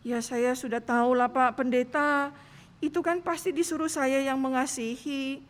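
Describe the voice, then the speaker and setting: A woman's voice: sits high, fairly even intonation, normal speed, natural voice. A woman voicing a troubled young daughter who asks exasperated, pleading questions. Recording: long church reverb.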